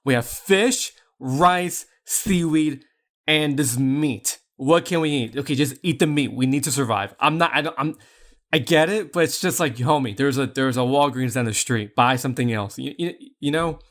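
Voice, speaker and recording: A man's voice: mid-range voice, moderate pace, fairly bright tone. A young man co-hosting a podcast, chatting casually and telling rambling jokey stories full of restarts. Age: young adult. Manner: rambling, joking storyteller with many restarts. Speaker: podcast co-host. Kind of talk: casual chat.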